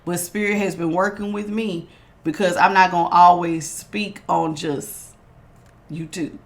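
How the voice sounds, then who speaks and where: A tarot reader with a low, steady voice talks a little slowly through a casual reading for her viewers. Her voice is strong and projecting, and she hammers points home by repeating phrases in an emphatic, authoritative way.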